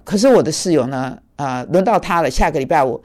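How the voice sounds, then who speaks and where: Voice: mid-range voice, animated, fairly quick, darkish tone. A preacher giving a conversational sermon, telling a personal story with many fillers and English words mixed in.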